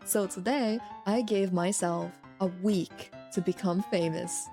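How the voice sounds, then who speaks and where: A woman narrating her vlog from a script in a playful, self-mocking way, on a crisp new microphone. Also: fairly low pitch, fairly even intonation, measured pace. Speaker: VTuber content creator. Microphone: new studio microphone. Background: background music.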